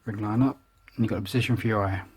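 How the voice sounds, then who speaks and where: This man talks at a racing pace in a steady, lowish voice, narrating every step of a casual drawing tutorial in real time. He's chatty and self-deprecating, his voice laid over the drawing with no view of him.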